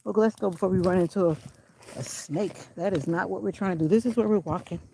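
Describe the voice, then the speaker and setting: A woman's voice: fairly low pitch, fast, creaky, dark tone, a little hiss or hum, rough recording. Breathless woman walking outdoors. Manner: chatty, out of breath, encouraging. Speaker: vlogger. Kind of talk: casual walking vlog. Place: outdoors on a country road. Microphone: handheld camera while walking.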